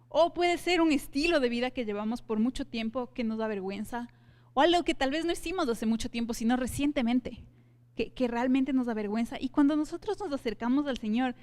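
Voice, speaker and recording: A woman's voice: a little high, animated, brisk. A woman teaching a church Bible study, speaking earnestly and addressing her listeners directly. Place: church hall. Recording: long hall reverb.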